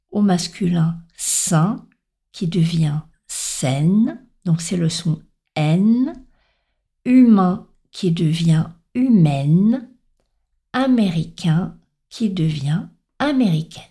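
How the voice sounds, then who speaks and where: A woman's voice: fairly low pitch, animated, extremely slow, long pauses, dark tone. A woman teaching pronunciation in a careful spoken lesson, spelling out letters and stressing each example word.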